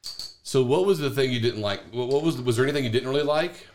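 A man's voice: medium pitch, fast, a little mellow. A man co-hosting a casual family podcast with his child, playful and full of prompting questions. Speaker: podcast co-host and parent.

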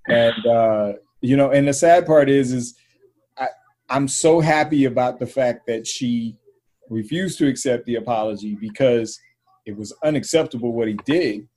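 A man's voice: medium pitch, normal speed, darkish tone. A man co-hosting a casual podcast, speaking bluntly and with slang. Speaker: podcast co-host. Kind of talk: casual chat.

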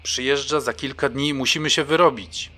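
A man's voice: medium pitch, fairly even intonation, a little fast, bright, forceful tone, pitched above the performer's own voice. A man voicing a fussy small-town police sergeant who speaks stiffly and pushes about duty in an audiobook. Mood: insistent. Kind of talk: audiobook character voice.

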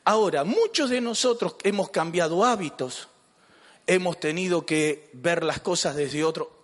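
A man's voice: a little high, expressive, measured pace, a bit bright, in a large hall. A man with an Argentine accent, a pastor preaching a sermon. He jokes and asks the congregation questions. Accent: Argentine Spanish. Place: church.

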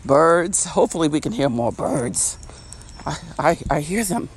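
Recorded outdoors beside a street, with faint traffic and street noise behind him, a podcast host speaks in a highish, expressive, unhurried and slightly rough voice. His casual, unedited monologue is reflective, with repeated phrases and occasional laughter.

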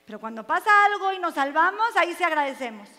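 A woman's voice: extremely high pitch, very animated, quick pace, sharp tone. A woman giving an earnest inspirational religious talk at a women's seminar and asking rhetorical questions. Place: seminar hall. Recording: long hall reverb.

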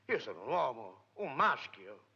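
Pushy fake priest, bright lively voice, muffled old movie audio. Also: male voice, mid-range voice, unhurried, gravelly, husky, full character voice. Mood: insistent. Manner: insistent, blustering. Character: pushy impostor posing as a priest. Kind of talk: vintage film comedy acting. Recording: dull lo-fi old film sound.

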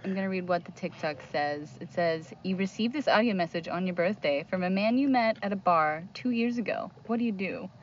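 A woman's voice: lowish voice, brisk, few pauses. A giggly woman chatting casually with friends on a podcast. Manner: giggly, reads aloud from her phone. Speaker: podcast guest. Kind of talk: casual chat. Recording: dull lo-fi sound with faint noise.

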